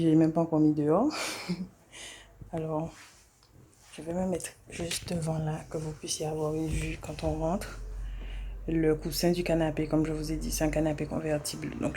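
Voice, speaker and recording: Chatty young woman with a mellow voice. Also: low voice, breathy edge. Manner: chatty, frequent hesitations and repeats. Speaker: vlogger. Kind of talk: casual self-filmed vlog chat. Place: small apartment indoors.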